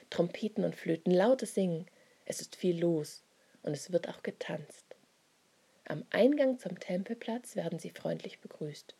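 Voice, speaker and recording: A woman reading a children's Bible story in a soft, often half-whispered voice. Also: lowish voice, gravelly, breathy edge.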